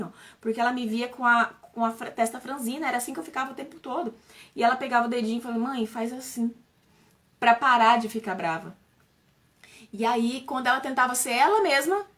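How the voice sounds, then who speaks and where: Woman, thirties, rapid earnest live-stream talk, slightly high voice, urgent and repetitive. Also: a bit bright. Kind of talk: emotional personal talk to viewers.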